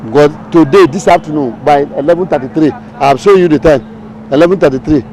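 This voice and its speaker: Mellow-voiced man, exasperated. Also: fairly high pitch, fairly quick, a little hiss or hum, rough recording. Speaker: interviewed passer-by.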